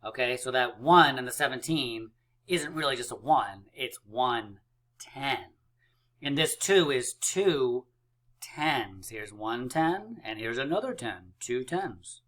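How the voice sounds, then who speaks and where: Male math coach for kids, bright voice, unhurried, chatty with fillers. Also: mid-range voice, animated. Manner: upbeat, chatty, many fillers. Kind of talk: kids' math lesson.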